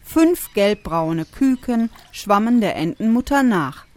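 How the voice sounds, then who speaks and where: A woman reading a children's story aloud with expressive storytelling. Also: mid-range voice, slow. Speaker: narrator.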